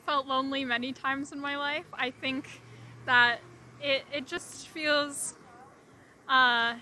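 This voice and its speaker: A young woman answering a street interview with soft, hesitant replies. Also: high-pitched, steady tone, slow pace, slight background noise. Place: outdoor city street. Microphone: handheld mic.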